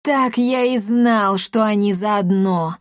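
A woman's voice: a little high, normal speed, no room sound, clean studio sound, natural voice. Woman doing a grumpy talking tomcat. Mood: grumbling. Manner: grumbling, mocking. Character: grumpy sarcastic male talking cat.

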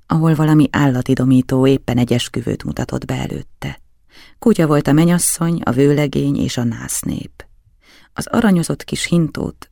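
Male audiobook narrator, gravelly, dry close recording, measured and dramatic. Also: mid-range voice, mellow, no echo.

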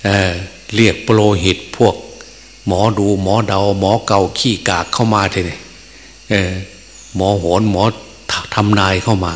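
A man's voice: on the low side, steady tone, a little slow. A male Buddhist monk teacher telling a story in a sermon. He speaks in a folksy way, with many filler sounds and chuckles, in a temple hall. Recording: long reverb, faint hum.

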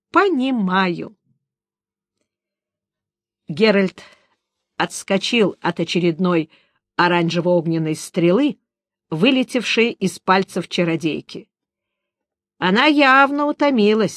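A woman narrating a fantasy audiobook in a steady reading voice. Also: medium pitch, a little slow, no echo.

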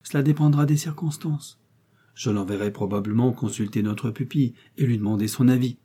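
A proud young baronet who bristles easily, read by a man. His stiff, indignant words come in a mellow, husky voice. He sounds like a figure from a period storybook. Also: mid-range voice, brisk, natural voice. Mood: irritated.

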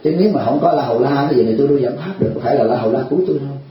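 A man's voice: medium pitch, racing, dull audio. A man, a Buddhist teacher, giving a humorous, chatty sermon at a retreat and constantly asking his listeners "right?". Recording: heavy hall echo.

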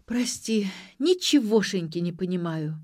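A woman's voice: fairly low pitch, animated, unhurried, a little mellow. A woman reading aloud voices a frightened, dazed young woman who murmurs hesitantly. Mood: confused.

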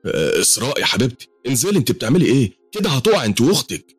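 A man's voice: medium pitch, big pitch swings, very fast, husky, dry recording, soft background music, voice pushed up. A man voicing a frightened, stubborn middle-aged father with an Egyptian accent. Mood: pleading. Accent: Egyptian Arabic.

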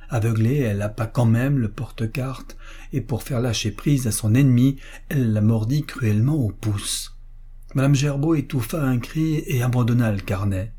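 A mid-range male voice, husky, mellow and dark, narrates a classic story for an audiobook, moving through it in short, measured phrases.

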